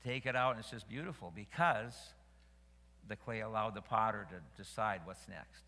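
A man's voice: on the low side, normal speed, bright, forceful tone. A man, a senior pastor, preaching a sermon with rising emphasis and repeated phrases in a church. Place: church sanctuary. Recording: long reverb of a church hall.

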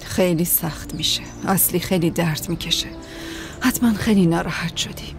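A woman playing a gentle, consoling mother. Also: on the low side, lightly acted. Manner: soft, consoling. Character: gentle, caring mother figure. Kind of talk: dubbed TV drama. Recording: music playing under the voice.

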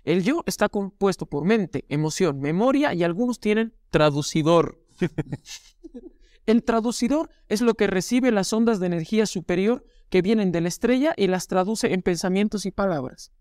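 An enthusiastic man reads a children's dialogue aloud, giving each quoted line some feeling. His voice is high for a man and recorded close and dry. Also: lively intonation, moderate pace, darkish tone, no echo. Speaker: co-host. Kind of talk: casual chat, reading a dialogue aloud.

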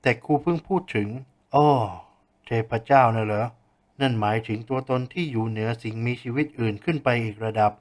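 A kindly older teacher who explains with quiet patience, as a male narrator puts him on. His delivery is calm and unhurried, with a gentle warmth. This is a storybook voice at middle pitch. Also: close to an everyday voice. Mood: patient.

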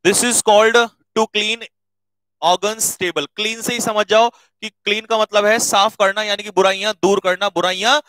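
A man teaching exam vocabulary, brisk and coaxing, repeating words so students can note them down. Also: high voice, fairly even intonation, fairly bright tone, dry recording, low-quality recording. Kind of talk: exam-prep video lesson.

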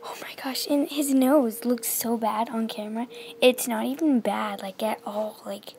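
A female vlogger unboxing a toy, gushing and excitable, often dropping to a whisper. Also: a little high, unhurried, creaky. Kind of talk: unboxing vlog.

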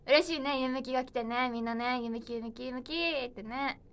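Solo livestream host, woman in her twenties, chatty and playful with viewers, voice on the high side. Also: fairly even intonation, moderate pace. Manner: chatty, playful, reads viewer comments aloud. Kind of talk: casual livestream chat.

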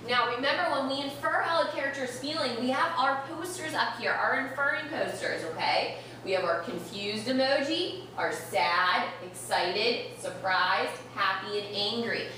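A young primary school teacher leads an interactive read-aloud for young children in an elementary classroom, speaking expressively and instructively with a higher voice. She slowly stresses key words, while a distant camera mic captures a roomy, noisy room.

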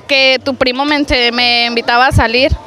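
A woman's voice: high voice, steady tone, moderate pace, background noise. A young woman with a Mexican Spanish accent, a contestant at an outdoor market, teasing her partner playfully. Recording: outdoor market with crowd and music.

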